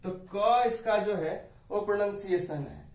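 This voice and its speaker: A man's voice: high-pitched, a little slow, darkish tone, roomy sound, recorded from a distance, rough recording. A man teaching an English grammar lesson to students, explaining each rule patiently and often addressing them as dear students.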